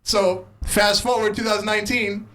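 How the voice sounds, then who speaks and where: High-voiced male podcast co-host. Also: little pitch movement, moderate pace, fairly bright tone. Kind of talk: casual chat.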